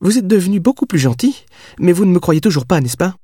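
A man reading the part of a spirited, impulsive young woman who answers in quick, teasing retorts. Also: high voice, very animated, dark tone, husky, dry recording, clean studio sound, pitched above the performer's own voice, heavily acted. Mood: cheeky. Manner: quick, teasing, triumphant replies.

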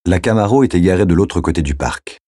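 A man reading a novel aloud as narrator in a measured, steady way. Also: low voice, dry recording, studio quality. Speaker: audiobook narrator. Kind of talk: scripted narration.

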